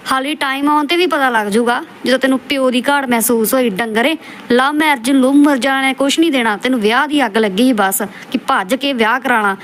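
Scornful fast-talking woman roaster. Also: sits high, a bit bright. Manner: scornful, insulting, lecturing. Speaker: roast channel host. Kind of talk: scolding roast commentary over clips.

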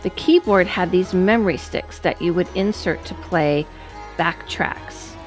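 In a low-quality recording with faint music in the background, a woman in her thirties reads a guest's paranormal story at a slow, deliberate pace, adding casual remarks along the way. Her pitch is fairly low, and she sits near a headset and studio microphone in a dim room.

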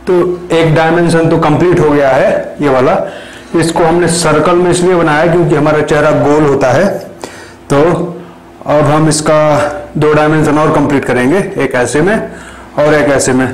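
Young man explaining his build, halting. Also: fairly high pitch, fairly even intonation, rough recording. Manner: explains step by step with hesitant fillers and restarts. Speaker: maker showing a build. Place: small bare indoor room.

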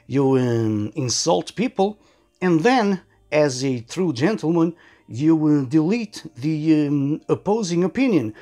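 A man giving casual sarcastic commentary as a tech YouTuber, halting often with fillers. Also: fairly high pitch, sing-song, warm tone.

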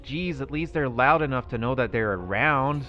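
A gaming YouTuber, a young man with a mid-range, animated voice, roleplays a character through a survival game at a moderate pace. The lo-fi recording carries soft background music as he muses aloud to himself in character, breaking into nervous outbursts.

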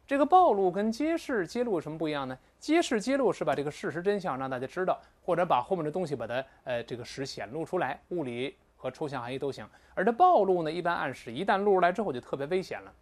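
Animated male English teacher. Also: high-pitched. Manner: animated, drawn-out pronunciation drills, frequent "哎" interjections. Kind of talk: vocabulary lesson lecture.

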